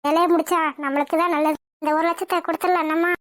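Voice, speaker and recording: Woman voicing a scolding, conspiratorial cartoon mother, pitched below the others. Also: level tone, quick pace, no echo, clean studio sound. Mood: plotting. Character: scheming middle-aged mother, bitter and plotting. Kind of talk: cartoon voice acting.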